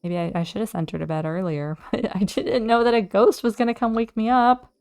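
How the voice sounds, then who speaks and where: A woman hosting a let's play, chatting casually to herself as she plays, and easily excited. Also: a little high, brisk, clear, resonant tone. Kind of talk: casual gameplay commentary.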